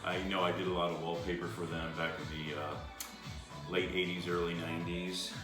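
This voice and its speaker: A man's voice: deep voice, little pitch movement, a little fast. A man in his fifties from New York, chatting casually at a home dining table and laughing often. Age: 50s. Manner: chatty, laughs often, self-described emotional. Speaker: cooking channel host. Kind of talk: casual chat. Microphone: far camera. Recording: echoey room with music behind.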